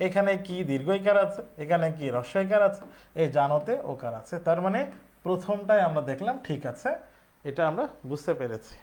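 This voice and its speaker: A young man teaching a live online class. He explains step by step, repeats key words, asks the class questions and reads examples slowly with a rising tone. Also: high voice, animated, darkish tone.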